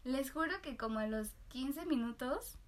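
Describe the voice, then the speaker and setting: A woman with a Mexican accent telling a lively anecdote in casual chat, laughing often and using slang. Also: high voice, unhurried. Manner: animated storyteller, laughs often, uses slang. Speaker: podcast co-host.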